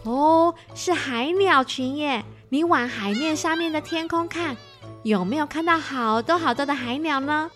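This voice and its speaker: A woman's voice: sits high, measured pace, fairly bright tone, soft background music, pitched above the performer's own voice. A woman voicing a friendly, helpful young dolphin in a children's story. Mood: eager, friendly.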